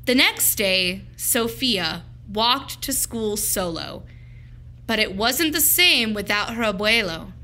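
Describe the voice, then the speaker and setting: Reading to children from a picture book, a teacher uses an emphatic, deliberate, expressive storytelling style. She speaks at a medium pitch.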